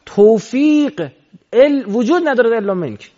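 A man preaching a religious sermon into a microphone, swinging between loud exhortation and low murmurs. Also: expressive. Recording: dull lo-fi recording.

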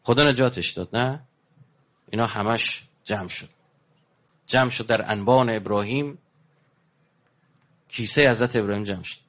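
A man giving a religious lecture, animated with rising emphasis, dropping low and hushed when he tells a story. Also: long pauses. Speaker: preacher. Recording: dull lo-fi recording.

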